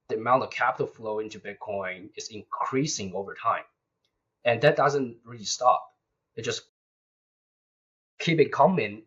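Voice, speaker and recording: Husky-voiced man, earnest. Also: mid-range voice, a bit bright. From Taiwan. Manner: earnest, repeats words, non-native grammar. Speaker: guest. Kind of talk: casual interview talk. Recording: dull lo-fi sound.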